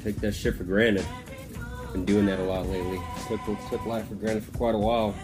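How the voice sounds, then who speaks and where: A podcast host in his twenties delivers a candid, blunt, casual motivational monologue with music playing behind him. His voice is fairly low with little pitch movement, and he talks briskly.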